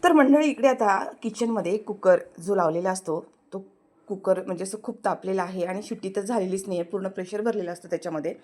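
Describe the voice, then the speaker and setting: A woman with a Marathi accent, talking through a TV serial episode as a casual recap. Her voice sits at an everyday middle pitch, and she slips into short acted lines for the characters as she goes. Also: fast talker, a little mellow. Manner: retells scenes, briefly acting out characters' lines.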